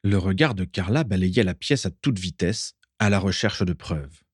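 A man reads a storybook aloud in a low voice. His intonation moves expressively through the narration. The sound is dry and close. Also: animated, moderate pace, slightly rough, dry recording. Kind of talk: audiobook reading.

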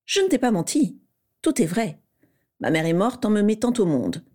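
A woman reading the lines of a smug, playful teenage boy wizard in a storybook reading, in a raised, mellow voice. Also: mid-range voice, very animated, normal speed. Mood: smug teasing. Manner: playful, self-satisfied.

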